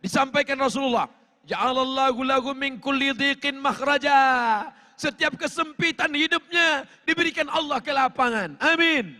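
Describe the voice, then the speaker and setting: A man preaches a fervent sermon, his appeals climbing into shouts. His voice sits high and rings bright and forceful. A long reverb trails each phrase through a large hall. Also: moderate pace. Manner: fervent, rising to shouted appeals, with sung Arabic chants.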